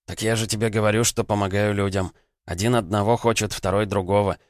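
A man's voice: fairly low pitch, steady tone, brisk, no room sound, clean studio sound, natural voice. A man voicing a sly, wheedling little male crossroads demon, speaking in an ingratiating, self-pitying way in an audiobook.

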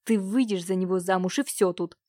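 A woman's voice: medium pitch, a little fast, darkish tone, no echo, clean studio sound, natural voice. A woman voicing a cruel, domineering uncle who scolds and threatens his niece. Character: cruel domineering middle-aged uncle, man.

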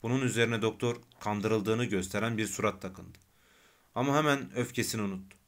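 A man narrating an audiobook of a novel in a calm, measured reading. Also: lowish voice. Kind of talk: scripted narration.

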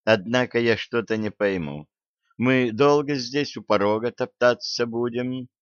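Man putting on a stern queen, sharp, mocking, raised voice, dull recording. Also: medium pitch, a little slow, clean tone, dry recording, close to an everyday voice. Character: stern sharp-tongued tsaritsa, adult woman.

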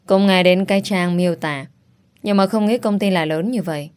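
A young woman narrating a first-person story in a wry, confiding, expressive way. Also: lowish voice, brisk, clear, resonant tone.

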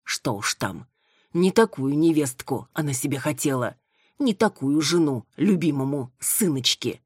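A woman's voice: sits low, expressive, unhurried, a little mellow, husky, no echo, studio quality. A woman reading a novel aloud as an audiobook, narrating and acting out characters' lines in a raised, indignant voice. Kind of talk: audiobook narration with acted dialogue.

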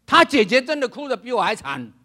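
An older male pastor preaching a sermon. He is dramatic, acts out other people's voices, laughs and shouts for emphasis. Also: very high-pitched, big pitch swings, brisk.

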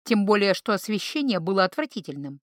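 A woman narrating a fantasy audiobook in an even, clear storytelling manner. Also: mid-range voice, fast talker, no echo, studio quality. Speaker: audiobook reader. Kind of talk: scripted narration.

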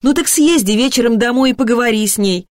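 A woman's voice: fairly high pitch, quick pace, a little mellow, no room sound, studio quality, voice pushed up, natural voice. Woman reading as a scolding harried mother. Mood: brisk. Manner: scolding, raised voice. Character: harried middle-aged mother, sharp-tongued, exasperated. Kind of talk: audiobook dialogue reading.

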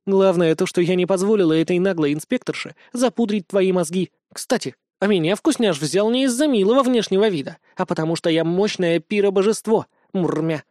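A man's voice: high voice, a little fast, hardly any pauses, darkish tone, dry recording, clean studio sound, close to an everyday voice. A man voicing a small, bossy female cat who is a fire deity, huffy and boastful.

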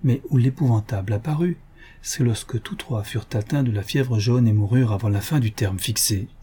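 A man narrating an adventure novel as an audiobook in a measured storytelling way. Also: mid-range voice, warm tone, husky.

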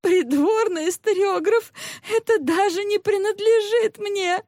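A terrified young palace maidservant begs for her life, tearful and pleading, her voice lifted high and strained. A woman reading the story does this voice. The delivery is close and dry, with no room around it. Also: a little slow, dark tone, no echo. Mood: frightened pleading.

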